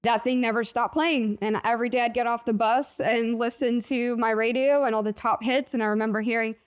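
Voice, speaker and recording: A woman's voice: a little high, steady tone, fairly quick. A young woman from Mexico, a singer talking about her start in music in a bubbly, chatty way. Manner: bubbly, chatty, giggly, filler-heavy. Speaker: singer, interview guest. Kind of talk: casual interview.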